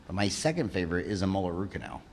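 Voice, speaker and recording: A man in his fifties hosting a casual interview, chatty and joking, firing off quick questions. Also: sits low, big pitch swings, a little hiss or hum. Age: 50s. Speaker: podcast host.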